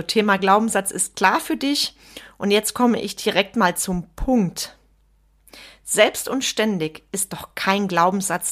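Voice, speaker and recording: A woman business coach talking straight to the listener in a solo podcast, direct and emphatic. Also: medium pitch.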